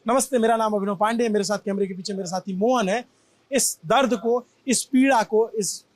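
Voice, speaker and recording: A man from Prayagraj, India, giving an impassioned, emphatic on-site news report from a damaged shop. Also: high-pitched. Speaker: field reporter. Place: at a damaged shop after a crowd crush.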